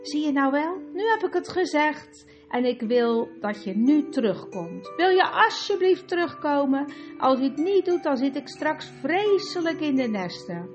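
A woman's voice: high-pitched, sing-song, unhurried, voice pushed up. A woman voicing an anxious, earnest young boy who talks in an urgent, pleading way, over guitar music.

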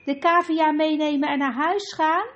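A woman's voice: high-pitched, steady tone, moderate pace, fairly bright tone, highs cut off, voice pushed up. A woman doing a dreamy, sensible young girl. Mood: urging. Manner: dreamy, then sensible and urging. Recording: music playing behind the voice.

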